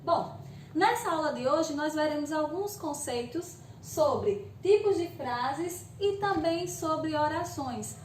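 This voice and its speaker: A woman's voice: sits high, animated, slow, a little mellow, slight background noise. A woman teacher with a Brazilian accent gives a recorded video lesson to eighth graders. She explains patiently, often checks in with "ok?", and voices her students' questions herself. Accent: Brazilian Portuguese. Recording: echoey room, voice a bit far from the mic.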